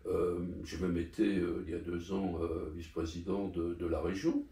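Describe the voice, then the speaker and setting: Deep and warm but flat in delivery, the voice of this older Parisian guest runs at normal speed as he talks through his life in a conversational interview. He hesitates often, restarting and using fillers, and the distant mic catches the room's echo.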